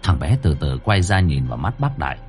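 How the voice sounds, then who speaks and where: A man narrating a horror story in a dramatic, highly expressive manner. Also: a little fast, music in the background. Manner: highly expressive, rising to cries.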